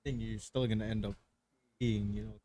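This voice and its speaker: A man's voice: on the low side, level tone, normal speed, warm tone. A man co-hosting a podcast, telling a story in slangy, laughing casual chat. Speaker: podcast co-host.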